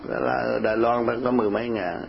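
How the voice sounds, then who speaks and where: An older man with a Southern Vietnamese accent, telling stories in an animated, lively way in casual chat, often laughing. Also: mid-range voice, quick pace, gravelly. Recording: muffled lo-fi tape with faint hiss.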